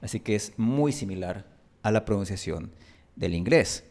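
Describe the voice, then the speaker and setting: Speaking with an Ecuadorian highland Spanish accent, a man gives a language lesson, carefully spelling out sample words and saying them again. His intonation is lively and his tone somewhat dark.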